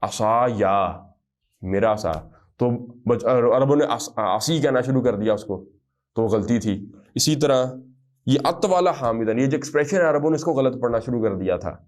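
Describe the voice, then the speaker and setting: A man teaching a grammar lesson to a class at a steady, mid pitch. He slows right down to spell out each example phrase, then keeps checking that his students follow. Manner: explanatory, drills Arabic phrases slowly, checks understanding often.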